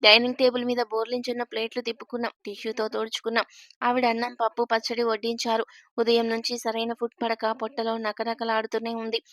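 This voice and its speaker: A woman reading a first-person story aloud in steady, scripted narration. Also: fairly high pitch, quick pace, dry recording.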